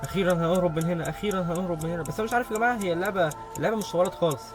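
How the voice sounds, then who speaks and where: Young man, Egyptian Arabic accent, horror gaming commentary, extremely fast talker, excitable, nervous exclamations. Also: sits high, soft background music. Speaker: gaming YouTuber. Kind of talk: horror game let's-play commentary.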